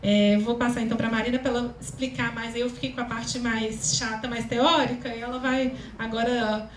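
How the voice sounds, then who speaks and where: A woman with a Brazilian Portuguese accent speaks to a live audience as a communication consultant. Her voice is high and thin, and her talk is chatty and full of fillers. The recording carries room echo and a faint ambient hiss. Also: level tone, moderate pace. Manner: chatty, many fillers, laughs often. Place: event hall, live audience.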